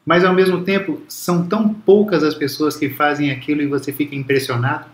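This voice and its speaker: Man, fairly high voice, chatty storyteller with restarts; echoey room. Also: fairly even intonation, fairly quick. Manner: reflective, storytelling, frequent restarts. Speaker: guest. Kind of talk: casual conversation.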